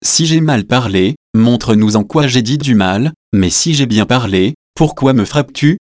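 Brief: man reading Jesus, solemn and steady, a mid-pitched voice in a dry close recording. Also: normal speed, no echo, lightly acted. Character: Jesus, calm grown man facing death.

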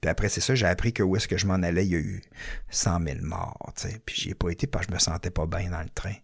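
A man with a Québécois accent, telling a story in casual chat, animated and swearing often as he acts it out. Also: deep voice, quick pace, gravelly, husky.

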